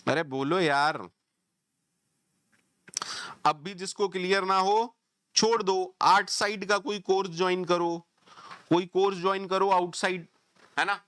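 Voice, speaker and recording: Teacher, male, bright and clear, sarcastic, scolding lecturer. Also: sits high, little pitch movement, moderate pace. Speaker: programming teacher. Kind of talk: online coding lecture.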